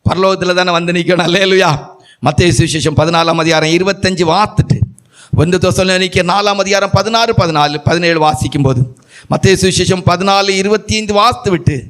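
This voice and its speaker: A male pastor with a Nagercoil Tamil accent, preaching a fervent sermon punctuated by hallelujahs and rising to shouts. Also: sits high, fairly even intonation, a little fast. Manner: repeated hallelujahs.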